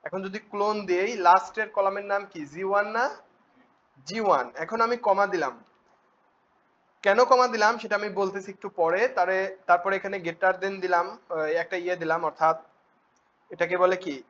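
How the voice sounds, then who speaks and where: A man teaching a spreadsheet class, often asking students quick check questions. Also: high-pitched, fairly even intonation, a bit bright. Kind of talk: spreadsheet tutorial. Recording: dull lo-fi recording with faint noise.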